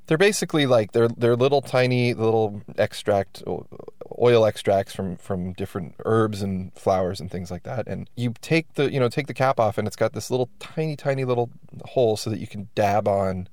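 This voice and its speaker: A man hosts his own podcast in a fairly low, slightly mellow voice at a normal pace, recorded cleanly in a studio with no room sound. Stuffed up from allergies, he rambles in a wry, self-deprecating way, restarting often as he delivers a casual monologue.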